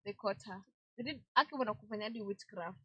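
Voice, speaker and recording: A woman's voice: mid-range voice, quick pace, husky, no echo, highs cut off. A young Kenyan woman co-hosting a radio show, chatting casually and mixing in Swahili slang. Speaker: radio co-host. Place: radio studio.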